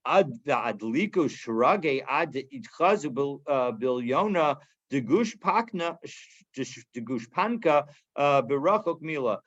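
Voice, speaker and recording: Halting man teaching a Talmud page. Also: medium pitch, expressive, fairly bright tone, dull audio. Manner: translating Aramaic line by line, casual and halting. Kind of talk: daily Talmud class.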